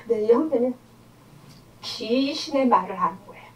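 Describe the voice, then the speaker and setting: A woman's voice: fairly high pitch, lively intonation, moderate pace, a little mellow. A woman giving an emotional testimony in church, speaking fervently and acting out prayers and voices. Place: church sanctuary. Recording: echoey church hall, mic far off.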